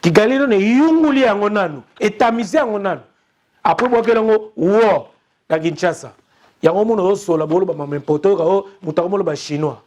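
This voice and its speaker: A young man with a Congolese accent delivers impassioned, urgent news commentary, insistently repeating his appeals to listeners. His voice sits high and is slightly mellow, and he speaks briskly.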